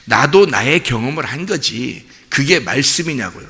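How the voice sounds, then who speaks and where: Pastor, male, gravelly and bright, sermon in a hall with long reverb. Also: mid-range voice, normal speed. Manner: storytelling, animated, addresses congregation with questions. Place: church sanctuary.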